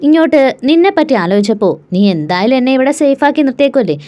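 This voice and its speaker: A woman's voice: sits high, expressive, fast, lo-fi sound, voice pushed up. A woman storyteller voicing a confident young man who talks in a cocky, teasing way.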